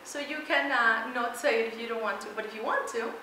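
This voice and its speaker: A lively middle-aged Mexican woman gives a motivational keynote to students in a big lecture hall, her bright, forceful, slightly high voice leaping up on key words at a brisk pace. She's energetic and emphatic, laughs often, and walks while talking. Picked up from far across the room, the sound echoes strongly with a little hiss or hum.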